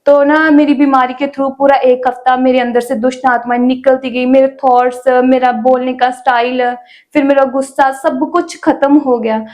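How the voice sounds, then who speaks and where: A young woman telling her personal faith testimony in a relaxed, chatty interview, with many small fillers. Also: high voice, moderate pace. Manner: chatty storytelling with frequent "ना" fillers. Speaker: guest sharing her testimony.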